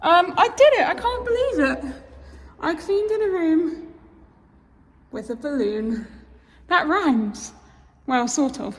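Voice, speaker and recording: A woman's voice: very high voice, expressive, takes it slowly, long pauses. A young woman vlogging casually about facing her fear, chatty and self-encouraging with many ums. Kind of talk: casual personal vlog. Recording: roomy reverb with faint music behind.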